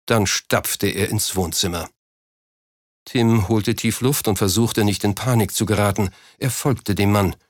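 Casting: male narrator, low voice, steady and measured, dry close sound. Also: no room sound. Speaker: audiobook narrator. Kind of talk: scripted narration.

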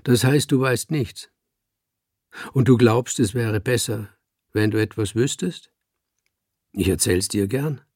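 A man's voice: medium pitch, slow, long pauses, a little mellow, dry recording, studio quality. A man reading aloud, voicing a bitter, self-pitying middle-aged man who turns tearful and condescending. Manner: sobbing, domineering. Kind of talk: audiobook reading.

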